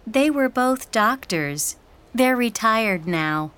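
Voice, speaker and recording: A woman's voice: fairly high pitch, animated, takes it slowly, fairly bright tone, clear, resonant tone. An actress playing a young woman in her twenties who talks about her family in a scripted textbook dialogue. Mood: friendly.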